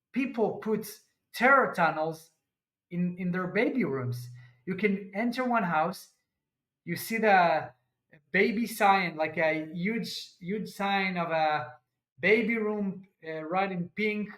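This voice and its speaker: A man from Israel, a guest and army reservist, answering in earnest, halting full of restarts. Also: sits high, a bit bright. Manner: earnest, halting non-native English with restarts. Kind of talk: interview answers. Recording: echoey room.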